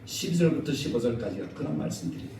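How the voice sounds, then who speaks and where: A male pastor delivering a Sunday sermon in a church, animated, acting out quoted scolding in a raised voice. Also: mid-range voice, rapid-fire, background noise. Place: church sanctuary. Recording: echoey church hall, mic at a distance.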